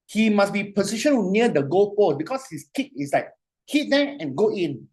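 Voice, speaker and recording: A man lecturing a class on coaching in an animated, repetitive way. He keeps checking in with the students and slows right down when he dictates a phrase. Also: high-pitched, breathy edge. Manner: animated, repetitive, asks "you see?" often.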